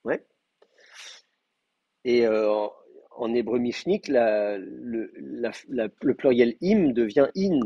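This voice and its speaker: A man's voice: medium pitch, slow pace, gravelly, long pauses, slightly rough, no echo, lo-fi sound. A man teaching an advanced class in a live lecture, explaining patiently with frequent hesitations and fillers. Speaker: Hebrew teacher.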